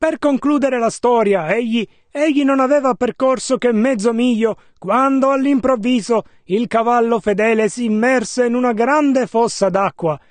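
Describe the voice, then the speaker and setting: High-voiced sermon interpreter, dry and close. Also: male voice, dry recording. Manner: steady, measured rendering line by line.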